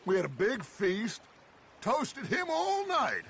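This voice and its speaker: A gravel-voiced old-hand outlaw from a western game, slowly reliving a prank with fondness. His voice sits high yet full of fry, words drawn out. Faint outdoor sounds drift behind him. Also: wildly swooping pitch, a bit bright, slight background noise, heavily acted. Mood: nostalgic. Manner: gravelly, slow, nostalgic storytelling.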